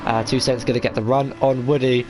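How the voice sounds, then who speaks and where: A man's voice: mid-range voice, little pitch movement, fairly quick, noisy background. A man giving live motorsport commentary on a sim race, hesitant and full of fillers as he follows each move.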